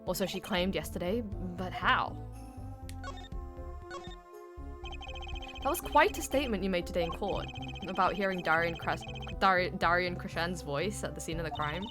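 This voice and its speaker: A woman's voice: fairly low pitch, a little fast, natural voice. A woman voicing a wry, exasperated young male rookie lawyer in a video game dub. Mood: inquisitive. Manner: dry, skeptical. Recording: music under the voice.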